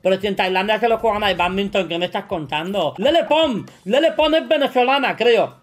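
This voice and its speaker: A man with a Spain Spanish accent playing a quiz as a streamer, joking, boasting and breaking into shouts. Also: high-pitched, expressive, brisk, soft background music. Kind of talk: casual gaming commentary.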